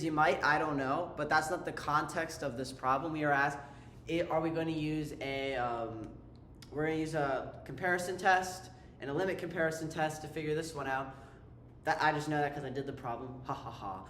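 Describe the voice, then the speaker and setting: A man's voice: fairly high pitch, a bit bright. A man teaching a calculus lesson in a casual, chatty way, breaking off mid-sentence and tossing in playful asides. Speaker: math tutor. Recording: roomy echo, faint ambient noise.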